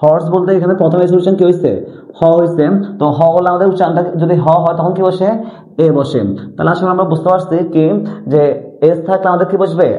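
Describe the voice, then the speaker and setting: A man's voice: sits high, steady tone, quick pace. A man teaching an English grammar lesson, repeatedly asking and answering his own questions. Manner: repetitive question-and-answer drilling. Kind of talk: classroom-style lesson explanation. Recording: tinny lo-fi audio in an echoey room.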